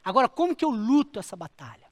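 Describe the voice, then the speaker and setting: A middle-aged man, preaching a sermon as a pastor and telling a story with lively repetition. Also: extremely high pitch, quick pace, big-room sound. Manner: animated storytelling, repeating phrases for emphasis.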